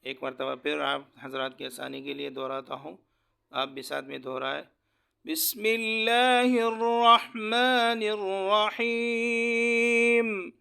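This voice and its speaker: A man teaching Quran recitation, spelling out each syllable slowly and then chanting the verses in a slow, drawn-out style, with quick low asides between drills. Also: completely flat delivery, gravelly, sharp tone.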